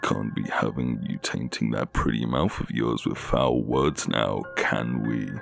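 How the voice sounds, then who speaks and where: A man voicing a young male kidnapper in a scary story, with a low, haunting voice and a slow, teasing, falsely sweet manner. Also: fairly even intonation, vocal fry, faint music behind, heavily acted. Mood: mock tender.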